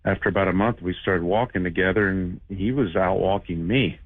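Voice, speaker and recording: A man in his fifties calling in to a show by phone, telling a personal story in a casual, halting, plain-spoken way. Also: deep voice, no room sound. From United States. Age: 50s. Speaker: radio show call-in guest, shoemaker. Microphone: telephone. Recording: muffled band-limited phone call.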